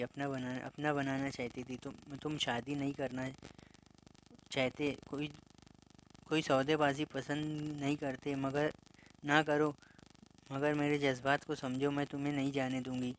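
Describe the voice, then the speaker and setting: A furious young woman, spurned and vengeful, hurling insults and threats, as a male storyteller puts her on. The voice stays fairly level in pitch and barely rises even at her angriest. A faint hiss of noise lies beneath it. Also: natural voice. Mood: pleading, possessive. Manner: screaming insults and threats, then sobbing accusations.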